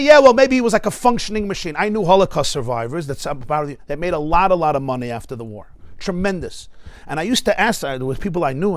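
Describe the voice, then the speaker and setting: Animated American rabbi, high voice. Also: male voice, no echo. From United States. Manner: animated, laughs often, asks the audience questions. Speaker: rabbi teaching a class. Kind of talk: lively spoken class. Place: synagogue study hall.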